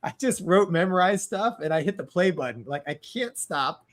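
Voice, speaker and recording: A man co-hosting a casual chat show, loose and animated, laughing often. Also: high-pitched, normal speed. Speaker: co-host.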